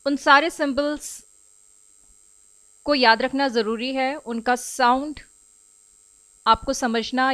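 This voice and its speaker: A woman with an Indian English accent teaching in a recorded video lecture, explaining in Hindi and slow English with repetition. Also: sits high, fairly bright tone, poor audio. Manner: switches between Hindi and slowly spoken English.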